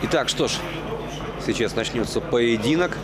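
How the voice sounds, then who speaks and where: A man's voice: mid-range voice, expressive, moderate pace. A man giving live fight commentary in a conversational, somewhat hesitant way. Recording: loud music and crowd behind. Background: loud crowd and music.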